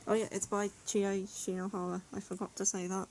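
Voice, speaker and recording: A woman's voice: mid-range voice, little pitch movement, fairly quick, background noise. A woman giving a casual, rambling video review of her favourite reads, filling her talk with "like" and "yeah". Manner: chatty, rambling, frequent "like" and "yeah". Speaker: manga reviewer.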